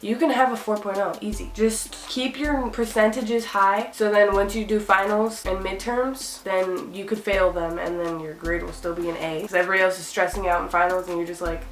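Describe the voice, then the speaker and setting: A young woman vlogger talks casually to the camera, handing out sassy advice about school in a chatty, upbeat way, saying "like" a lot. Her mid-range voice is tired and a little cracked but holds a steady tone at a moderate pace with few pauses. The sound is roomy.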